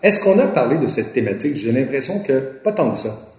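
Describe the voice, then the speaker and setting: A man's voice: medium pitch, very animated, brisk, a little mellow. Courteous male interviewer, roomy sound. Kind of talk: interview question. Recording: roomy, distant from mic.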